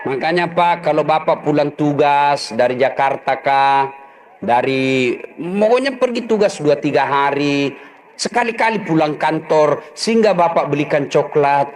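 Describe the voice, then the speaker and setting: High-voiced joking male preacher. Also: lively intonation, a little slow. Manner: joking, acts out husband and wife voices. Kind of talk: humorous sermon.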